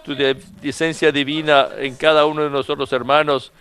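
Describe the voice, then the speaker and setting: A man's voice: fairly high pitch, level tone, moderate pace, fairly bright tone. A man leading a spoken prayer in an earnest manner, repeating pleading invocations. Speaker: prayer leader.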